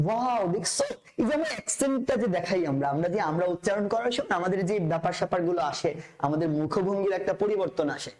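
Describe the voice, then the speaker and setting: Male Quran teacher, high voice, very lively pitch, repeats letters in drills. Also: quick pace, low-quality recording. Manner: drills letters by repeating them, addresses the learner as sir, playful asides. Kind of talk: recorded lesson on Arabic letter pronunciation.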